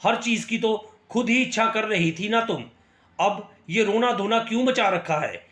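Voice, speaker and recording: A man's voice: sits high, lively intonation, measured pace, a bit bright, echoey room. Man reading as a harsh domineering husband. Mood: scolding. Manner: harsh and scolding. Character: angry domineering young husband.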